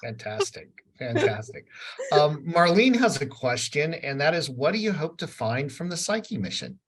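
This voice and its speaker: A woman's voice: low-pitched, big pitch swings, normal speed, breathy edge. A woman moderating a virtual book talk, reading audience questions over a video call and giving short upbeat replies. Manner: reads questions out, brief upbeat reactions. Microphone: video call microphone.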